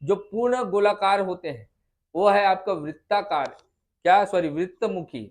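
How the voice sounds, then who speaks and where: Man, Chhattisgarh Hindi accent, classroom tutor, high voice, coaxing, repeats vowel sounds aloud. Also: unhurried. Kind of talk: classroom lesson. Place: classroom with students.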